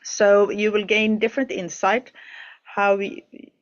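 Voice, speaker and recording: The woman running this online studio project session talks slowly and hesitantly, restarting often and using many fillers. Her mid-range voice has little pitch movement, and the sound quality is lo-fi.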